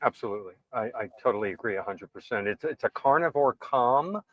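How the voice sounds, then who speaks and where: A man's voice: mid-range voice, lively intonation, a little fast. A man hosting a casual chat, earnestly agreeing with his guest and building on the points. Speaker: host. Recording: dry, dull lo-fi sound.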